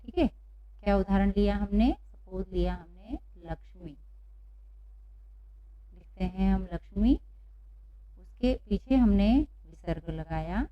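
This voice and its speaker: A woman's voice: medium pitch, lively intonation. Patient woman teacher, dull lo-fi sound. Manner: asks questions and repeats answers slowly. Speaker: Sanskrit teacher. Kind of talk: classroom-style pronunciation lesson.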